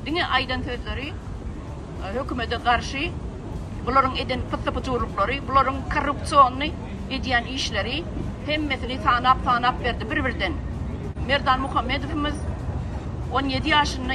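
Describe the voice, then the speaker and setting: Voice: high-pitched, fairly even intonation, moderate pace, crowd noise, background noise. A speaker at an outdoor protest delivering an emphatic speech that lists grievances. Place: outdoors on a city street.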